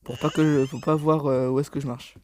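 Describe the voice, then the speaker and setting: A man's voice: mid-range voice, steady tone, a little fast, a little mellow, slight background noise. A tired young man commentating his gameplay casually, rambling, stammering and swearing as he plays. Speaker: gaming YouTuber.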